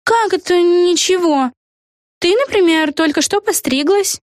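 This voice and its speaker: A woman voicing an excitable, chatty young girl witch in an audiobook, with a squeaky, wide-eyed, blurting way of talking. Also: measured pace, dry recording, studio quality. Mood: chattering. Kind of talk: audiobook character voice.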